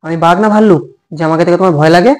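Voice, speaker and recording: A man's voice: high voice, a little mellow, lightly acted. A man playing a touchy, hot-headed husband. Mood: indignant. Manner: snapping, indignant, quick to take offence. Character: short-tempered young husband, easily angered. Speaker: short-drama actor. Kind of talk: comic home drama acting.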